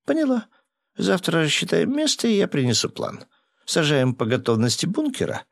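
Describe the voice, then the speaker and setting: A quick, businesslike young woman from a storybook speaks in a voice pitched far above normal, as a man puts her on. Her replies are short and practical. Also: wildly swooping pitch, gravelly, no echo, studio quality, exaggerated voice.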